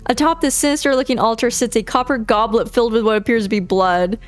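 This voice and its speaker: A woman's voice: on the high side, fairly even intonation, fast, faint music behind. A woman doing casual video game playthrough commentary, reading the on-screen text aloud and adding her own remarks.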